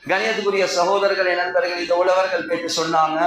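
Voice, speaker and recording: A man's voice: sits high, flat delivery, fast talker, a bit bright, slight background noise. A man preaching a live Friday sermon in a mosque with a Sri Lankan Tamil accent, impassioned and rhetorical, calling out to his congregation again and again. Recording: echoey hall with crowd.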